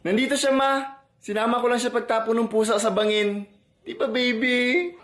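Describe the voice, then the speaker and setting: A man's voice: extremely high pitch, fairly even intonation, normal speed, a bit bright. A man acting out comedy skits, playfully switching between characters.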